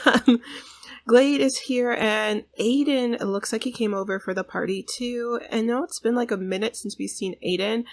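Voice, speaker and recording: A woman hosting a gaming channel, giving bubbly, chatty let's play commentary and saying "like" a lot. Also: mid-range voice.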